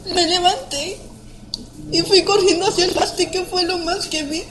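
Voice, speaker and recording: A young woman with a Mexican accent giving a halting personal testimony of an attack as a witness, often breaking off and restarting her sentences. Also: very high-pitched, steady tone, background noise.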